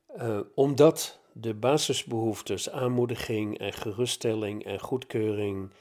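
Slow, low-voiced man reflecting. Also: a little mellow. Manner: reflective, with many hesitations and fillers. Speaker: speaker telling his own story. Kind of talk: personal storytelling talk.

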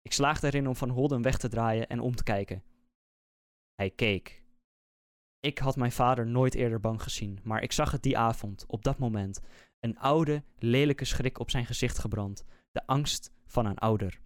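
A man, a podcast host, reading a scary story aloud in a slow, measured, suspenseful way. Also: mid-range voice, smooth, no echo, clean studio sound. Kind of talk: scripted horror story narration.

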